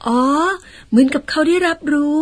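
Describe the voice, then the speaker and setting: An actress playing a polite, gentle young daughter who speaks softly and coaxingly, in old-style radio drama acting. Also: female voice, moderate pace, natural voice.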